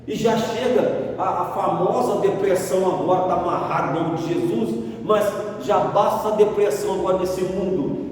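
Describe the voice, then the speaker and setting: A man's voice: high voice, normal speed, darkish tone, slight background noise. A man preaching a fervent sermon, often calling out to his congregation. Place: church hall. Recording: echoey church hall from far off.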